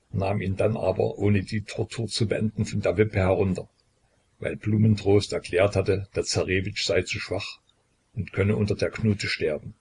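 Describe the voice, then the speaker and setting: A man reading a historical novel aloud as audiobook narration, in a steady, measured manner. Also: fairly low pitch, gravelly, a little hiss or hum.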